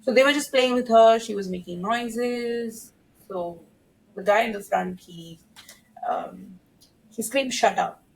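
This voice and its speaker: A woman's voice: on the high side, takes it slowly, creaky, rough recording. A woman in her thirties, a podcast guest from India, telling a story in casual conversation and laughing now and then.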